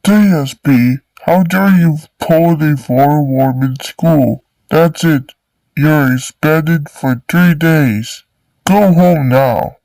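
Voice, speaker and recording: A man's voice: fairly high pitch, slow pace, vocal fry, a little mellow, dry recording, far from the mic, poor audio. A man playing a stern, exasperated school principal in an amateur cartoon, scolding in a declamatory way.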